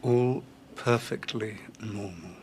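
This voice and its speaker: An actor playing a calm doctor who gently breaks hard news in a TV drama, in a measured, careful way. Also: male voice, lowish voice, a little hiss or hum. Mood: grave, gentle. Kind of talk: TV soap drama.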